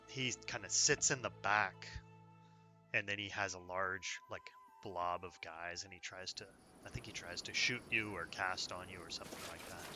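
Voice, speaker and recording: A man giving casual gameplay commentary, rambling and hesitant as he thinks aloud. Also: low-pitched. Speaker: gamer. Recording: loud game music behind voice.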